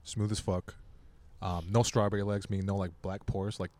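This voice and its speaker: A man in his thirties, a podcast guest, talking bluntly with lots of swearing and loud laughs. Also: on the low side, little pitch movement, moderate pace, dry recording. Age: 30s. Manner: blunt, profane, laughs loudly. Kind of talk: crude casual chat.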